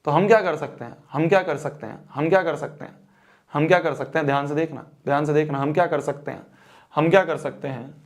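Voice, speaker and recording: Young guy teacher, bit high voice, keeps repeating stuff and asking if it's clear. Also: fast. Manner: repeats phrases, checks if students follow. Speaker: math teacher. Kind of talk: exam-prep math lesson.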